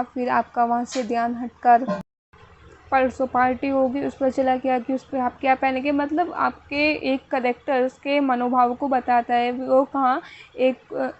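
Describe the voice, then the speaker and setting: A woman teaching a literature lesson, explaining in Hindi and reading English notes slowly, often repeating and correcting herself. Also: high voice, dull audio. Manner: self-correcting, repeats words. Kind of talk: exam-focused lecture.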